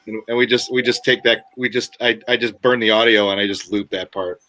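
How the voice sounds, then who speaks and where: Man, DJ guest, casual chat, bright forward tone, stumbling restarts. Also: on the low side, steady tone, a little fast.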